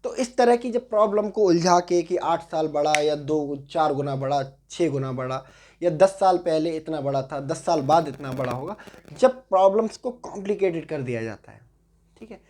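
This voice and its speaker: A man's voice: on the high side, darkish tone. A man in his twenties teaching a reasoning class, mixing English into Hindi, asking tag questions and repeating words as he writes. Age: 20s. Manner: slow, repeats words while writing on a board. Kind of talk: exam-prep lesson.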